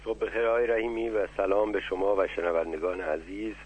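A man reading a translated children's story on the radio in a steady, measured narration. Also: low-pitched, husky. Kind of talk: scripted narration. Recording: tinny phone-like radio line.

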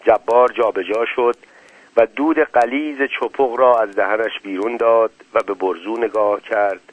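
Male storyteller, measured reading, phone-thin dry sound. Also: lowish voice, fairly even intonation, no room sound, narrow, tinny audio. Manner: measured, descriptive. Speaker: narrator.

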